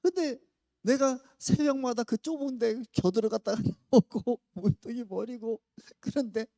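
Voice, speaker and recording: A male pastor giving a conversational sermon, telling a story with swings from hushed to loud and frequent laughter. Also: extremely high pitch, measured pace, creaky, no echo. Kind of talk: conversational sermon with acted-out quotes. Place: church sanctuary.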